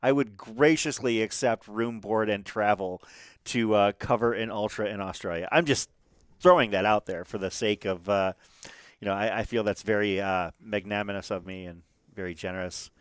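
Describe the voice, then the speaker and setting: A man's voice: on the low side, normal speed, clear, resonant tone, no room sound, clean studio sound. A man doing casual live commentary on a race stream, chatty and rambling, with lots of fillers and restarts.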